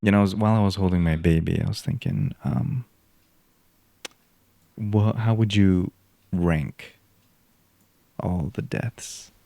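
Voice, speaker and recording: A man's voice: low-pitched, a little slow, creaky, pauses often, dark tone, no echo. A man co-hosting a podcast in casual chat, laid-back, giving short replies into a close mic. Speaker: podcast co-host.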